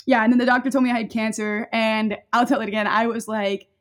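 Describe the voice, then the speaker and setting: Rambling young woman, slightly high voice. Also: little pitch movement, fast talker. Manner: rambling, filler-heavy, breaks off into laughter. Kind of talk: casual chat.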